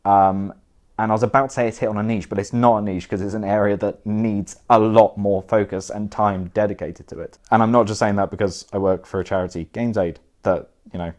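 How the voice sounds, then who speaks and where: A man's voice: lowish voice, steady tone, brisk. A young man giving a casual thank-you message to viewers indoors by a fire, self-deprecating, with dry asides that trail off into mumbles. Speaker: board game reviewer.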